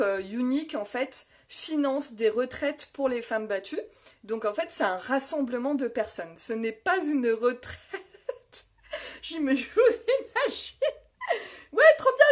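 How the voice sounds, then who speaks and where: Woman vlogger, fairly high voice, casual and rambling, live from a home office on a phone. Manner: chatty and rambling, many fillers and restarts; laughs often, reads viewer comments aloud. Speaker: vlogger hosting a live video. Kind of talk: casual live chat, touring her office. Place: small home office, indoors. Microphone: phone mounted on a stand.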